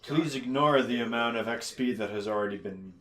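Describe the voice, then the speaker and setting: A man's voice: medium pitch, a little fast, a bit bright. A man from Canada co-hosting a casual game commentary, wry and joking. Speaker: let's play co-host.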